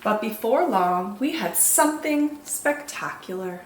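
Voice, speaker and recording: Reading picture books to kids, this female storytime host pitches her voice on the high side and stays expressive and measured, elongating words for drama. Faint noise and echo fill the room.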